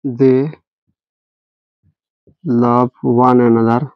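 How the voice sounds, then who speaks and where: A man's voice: mid-range voice, monotone, very slow, clear, resonant tone, no echo. A man teaching an English grammar lesson, spelling words letter by letter and asking his students rhetorical questions. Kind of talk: classroom-style grammar lesson. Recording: dry, dull lo-fi recording.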